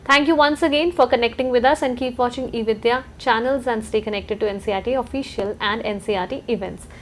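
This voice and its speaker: Formal Indian woman host, slightly high voice. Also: quick pace, a little hiss or hum. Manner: formal, courteous. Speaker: host of live educational broadcast. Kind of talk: live programme presenting.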